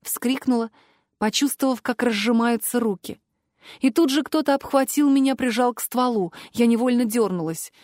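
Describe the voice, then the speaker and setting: A woman narrating a fantasy audiobook in the first person, with expressive, emotional storytelling on a close studio mic. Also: fairly high pitch, moderate pace, dry recording.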